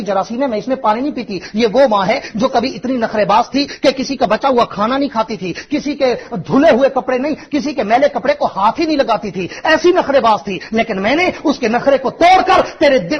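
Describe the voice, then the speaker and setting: A man's voice: high voice, breathy edge. A man preaching a fiery sermon, speaking emphatically and rhetorically and addressing the listener directly. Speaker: Islamic preacher. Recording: muffled, lo-fi sermon recording.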